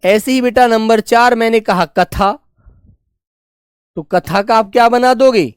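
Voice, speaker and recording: A man's voice: extremely high pitch, a little slow, clear, resonant tone, no echo, studio quality. A man teaching an online Hindi grammar lesson, affectionate and repetitive, keeps asking his students questions and answering them himself.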